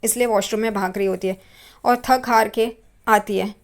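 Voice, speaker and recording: A woman's voice: medium pitch, fairly even intonation, normal speed. A woman casually retelling a TV serial episode and commenting on the characters as she goes. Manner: chatty, judges the characters as she tells. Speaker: TV serial recap narrator. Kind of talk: casual storytelling recap with comments.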